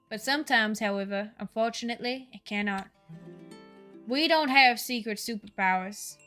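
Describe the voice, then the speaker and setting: Lady putting on a texas drawl for a stern lecturing doctor, bright sharp voice, quiet music behind. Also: mid-range voice, close to an everyday voice. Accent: put-on Texas accent. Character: gruff senior male doctor, lecturing and stern.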